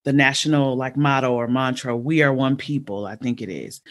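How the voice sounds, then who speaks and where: A woman in her forties hosting a podcast, chatting casually and thinking aloud, with many restarts and sudden jumps up in pitch. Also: normal speed. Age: 40s. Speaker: podcast host and educator. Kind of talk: casual conversational interview.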